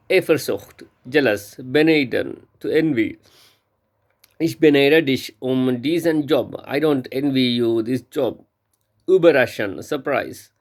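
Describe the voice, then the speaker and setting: A man learning a language, reading vocabulary and example sentences aloud from a textbook in a careful, halting way with frequent restarts. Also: medium pitch.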